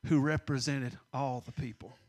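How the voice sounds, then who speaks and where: A middle-aged man preaching a sermon, swinging between loud emphasis and hushed asides. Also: medium pitch, fairly even intonation, normal speed. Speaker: pastor.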